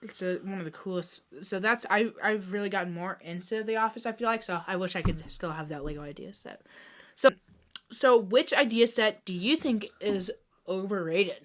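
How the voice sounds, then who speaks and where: Chatty woman co-hosting a podcast. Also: mid-range voice. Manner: chatty, enthusiastic, quick to tease. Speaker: podcast co-host. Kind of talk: casual podcast chat.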